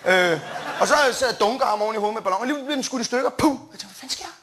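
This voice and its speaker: A young man doing stand-up, telling a rambling story with plenty of fillers, restarts and quick jumps into quoted voices. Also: high-pitched, fairly bright tone, slight background noise. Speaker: stand-up comedian. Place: comedy stage before a live audience.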